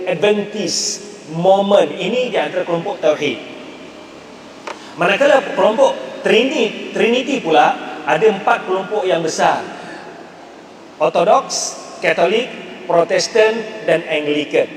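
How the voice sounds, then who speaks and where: A man with a Malaysian Malay accent giving an animated religious lecture, imitating regional dialects. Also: high voice. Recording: echoey hall, voice from far.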